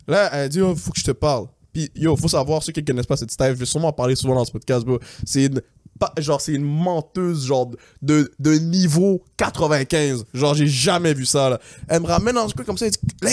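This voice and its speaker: A young man tells a long story on a podcast. He speaks very fast in a fairly high voice and slips into English slang. He acts out the other people in the story, and the recording is dry and close. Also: animated, a little mellow, dry recording. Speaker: podcast co-host. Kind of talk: casual storytelling.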